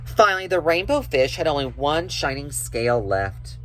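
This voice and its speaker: Animated man reading a children's story. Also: a little high, normal speed.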